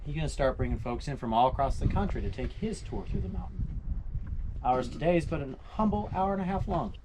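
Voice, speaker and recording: A man giving a storytelling guided tour to a group outdoors, theatrical and folksy, with rhetorical questions and dramatic pauses. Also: fairly high pitch, expressive. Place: outdoors on a mountainside. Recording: noisy live outdoor recording with clicks.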